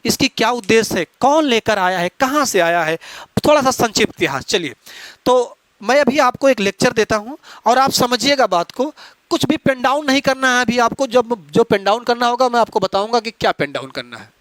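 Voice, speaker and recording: High-voiced man teaching, dry sound. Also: lively intonation, fairly quick, fairly bright tone, dry recording. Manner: explaining with repeated rhetorical questions. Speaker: exam-prep teacher. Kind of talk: classroom lecture.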